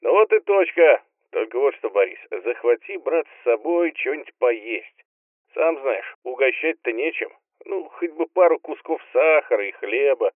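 A man's voice: medium pitch, animated, normal speed, dry recording, natural voice. Man voicing a friendly young man, joking, easygoing, phone-filtered, dry. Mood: breezy. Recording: tinny phone-line filter.

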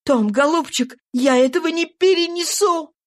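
A woman's voice: very high-pitched, moderate pace, voice pushed up. A woman voicing a grief-stricken wealthy father in an audiobook, speaking in an anguished, pleading way.

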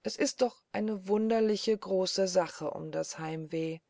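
A brooding male assistant with a dark, wistful way of speaking, as a woman reads him aloud. His voice has a gravelly edge and a mellow warmth. The sound is dry and close, like a storybook reading. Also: mid-range voice, slow, dry recording. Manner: musing, darkly wistful. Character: brooding eerie male assistant, gloomy dreamer.

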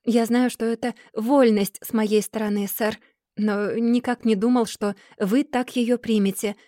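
A woman's voice: on the high side, unhurried, warm tone, no echo, studio quality, natural voice. A woman voicing a timid, humble young man who speaks meekly and politely, with a stammer.

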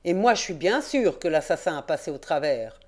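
A woman reading an audiobook, voicing a grumpy rustic old male caretaker in his sixties with gruff, folksy country speech. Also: low-pitched, expressive, brisk. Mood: grumbling.

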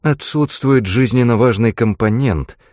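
A man's voice: mid-range voice, a little slow, darkish tone, no echo, studio quality, lightly acted. A man reading an audiobook voices a man fused with a space station, speaking in a grating metallic machine voice. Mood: cold.

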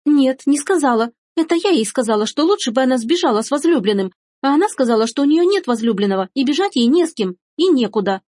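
A shrill, spoiled young noblewoman with a high voice that whines and wheedles, as a woman reads her in a storybook. Her tone is husky, and the recording is dry and close. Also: lively intonation, quick pace, few pauses, darkish tone, no room sound. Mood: sulky. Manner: shrill, whining, shrieking. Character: spoiled scheming young noblewoman, whiny, lying.

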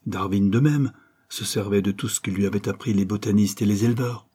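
Husky, mellow male narrator. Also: lowish voice, steady tone, fairly quick. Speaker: audiobook narrator. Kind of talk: scripted narration.

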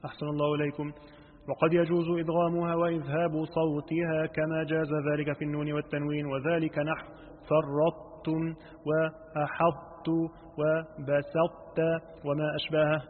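Flat, high-ish man reading aloud. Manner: slow measured reading, drawn-out chanted words. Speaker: student reading the text aloud. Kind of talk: reading a classical text with chanted examples. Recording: tinny phone-like line, long reverb.

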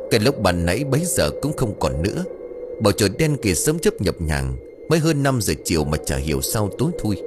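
A man narrating a ghost story with dramatic, ominous storytelling. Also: fairly low pitch.

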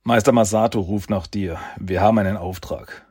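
A man voicing a lean young ninja messenger whose raspy voice sounds oddly old. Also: lowish voice, steady tone, normal speed, darkish tone, dry recording, studio quality. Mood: casual.

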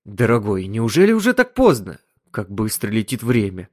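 A man's voice: on the low side, huge pitch swings, moderate pace. A man voicing a flustered, kindly housewife and mother in a story reading.

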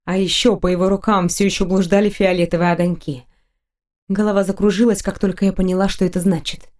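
A woman reads a first-person romantic fantasy audiobook in a steady, intimate storytelling voice. Her tone is dark and mellow, sitting at an ordinary middle pitch. The delivery stays close and even. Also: fast talker. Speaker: audiobook narrator.

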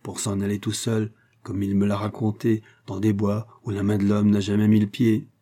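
A man's voice: on the low side, completely flat delivery, moderate pace, dark tone, close to an everyday voice. A man voicing a talkative, fussy elderly woman fruit-seller in an audiobook. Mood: eager, chatty. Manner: eager, talkative, effusive.

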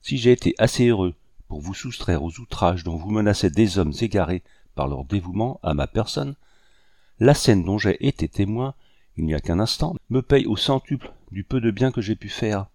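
A man voicing a proud, sorrowful rebel commander who speaks courteously, gravely and with bitterness. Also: fairly low pitch, animated, moderate pace, a little mellow, no room sound, studio quality.

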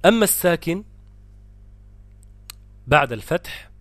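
A man with an Egyptian accent teaching a tajweed lesson. He explains each rule briskly and then stretches out the example words slowly. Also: a little high, expressive, no room sound. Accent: Egyptian Arabic. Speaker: Quran recitation teacher.

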